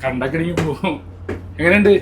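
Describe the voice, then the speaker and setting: A fast-talking man with a Kerala accent and a slightly high voice chats through a casual vlog tour. He mixes English words into Malayalam and keeps tossing out short questions. There is some background noise around him. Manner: prompts companion with frequent short questions. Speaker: travel vlogger.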